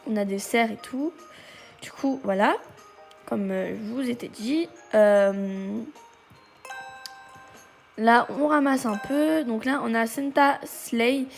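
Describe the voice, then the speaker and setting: A woman with a fairly high voice and a gravelly fry talks through a game slowly. She chats casually, hesitates a lot and breaks into excited exclamations. Faint music plays behind her. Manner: chatty, exclaims at discoveries; halting, many hesitations. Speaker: gaming video creator. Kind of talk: casual gameplay commentary.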